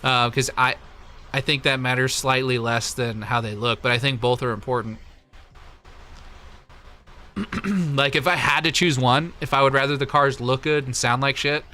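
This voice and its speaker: With a medium pitch, fairly even intonation, and normal speed broken by long pauses, this man sounds bright and forceful. He's a Missouri-based American livestream host who answers viewers conversationally and with strong opinions, using a close desktop USB mic.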